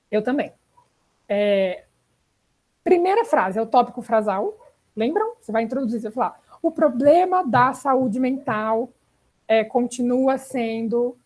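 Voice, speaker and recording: A husky, darkish woman's voice with a fairly high pitch comes through a low-quality recording. The young speaker has a Brazilian Portuguese accent and teaches an online writing class chattily, checking in with her students over and over with "né?" and "tá?".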